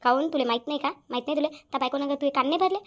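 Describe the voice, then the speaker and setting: A woman doing a fast-scolding cartoon mother-in-law. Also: high voice, dull audio, close to an everyday voice. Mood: accusing. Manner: scolding, rapid accusing questions. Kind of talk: cartoon voice acting.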